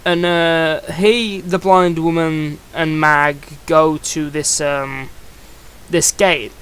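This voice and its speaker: A young man talks through a review in a casual, rambling way, often restarting his sentences. His voice sits a little high for a man and sounds smooth and clear. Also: fairly even intonation, takes it slowly, fairly bright tone. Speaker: comic book reviewer.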